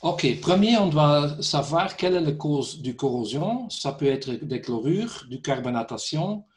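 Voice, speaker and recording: A man's voice: fairly high pitch, lively intonation, measured pace. A middle-aged or older man, not a native French speaker, giving a technical presentation over a video call in hesitant French with a foreign accent. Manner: hesitant, non-native phrasing. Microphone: computer microphone on a video call.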